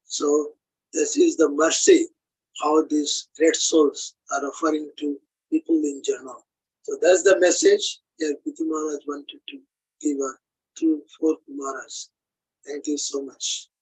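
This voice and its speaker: Husky, slightly high male attendee; earnest, halting devotional remarks. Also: fairly even intonation, a little mellow, rough recording. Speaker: class attendee commenting. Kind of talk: devotional comment.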